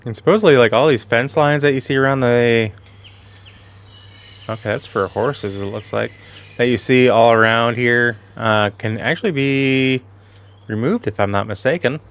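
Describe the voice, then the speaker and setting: A man giving casual, rambling commentary over a farming game while losing his voice, clearing his throat now and then, with soft music behind. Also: mid-range voice, moderate pace, no room sound. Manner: rambling, self-correcting, chatty. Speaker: gaming channel host.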